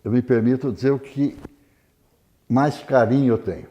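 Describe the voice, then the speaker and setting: A man's voice: mid-range voice, steady tone, moderate pace, muffled recording. A man São chatting casually as an interview guest, in short phrases. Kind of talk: casual conversation.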